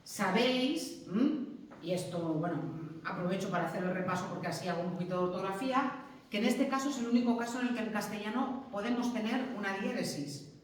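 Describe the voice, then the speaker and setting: A woman's voice: mid-range voice, a little fast. A woman teaching a class, patient and explanatory, often checking in with her students. Her voice comes from a distance in a very echoey classroom with faint ambient noise. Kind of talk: classroom lecture. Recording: very echoey classroom, mic far off.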